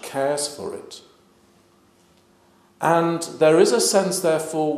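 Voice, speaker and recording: A clergyman, giving a measured, emphatic talk at an interfaith event. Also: mid-range voice. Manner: measured, emphatic, gesturing while speaking. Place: large plain hall. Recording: echoey hall.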